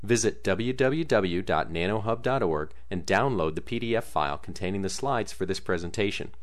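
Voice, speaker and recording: A man reading a scripted introduction as an announcer, in an even, formal manner. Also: on the low side, moderate pace.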